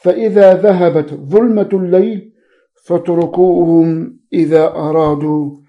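A man teaching a religious text, reading commentary slowly and spelling out letters and variant readings. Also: a little high, steady tone, highs cut off.

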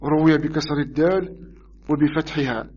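A man giving a religious lesson, explaining a hadith in a measured, explanatory way and stressing key words. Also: a little high, a little mellow, breathy edge, muffled recording. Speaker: hadith teacher.

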